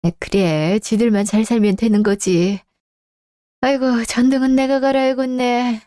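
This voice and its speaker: A plaintive, sighing mother in later life, played by a woman in a radio drama. She sounds hurt and put upon, in a somewhat high voice. The recording is dry and close. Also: fairly even intonation, moderate pace, warm tone, no room sound, close to an everyday voice. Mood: complaining. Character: hurt, aging mother and grandmother. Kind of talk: Korean radio drama acting.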